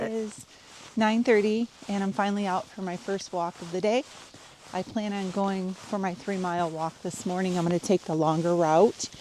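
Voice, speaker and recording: A woman in her fifties talks to her viewers in a relaxed, chatty way, filming herself on a phone outdoors. Her voice sits on the low side. Faint background noise is heard behind her. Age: 50s. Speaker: health coach and vlogger. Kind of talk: casual vlog chat. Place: outdoors at home, patio and walking route.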